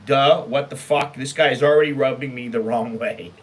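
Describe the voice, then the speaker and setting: A medium-pitched American man speaks at a normal speed as host of a casual online storytime show. Reading emails aloud, he comments on them with blunt, sweary exasperation and plenty of emphasis.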